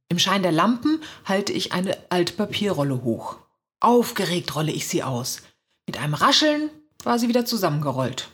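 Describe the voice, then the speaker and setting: A woman reading a first-person children's story aloud in a lively, expressive way, with a husky voice. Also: on the low side. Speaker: reader.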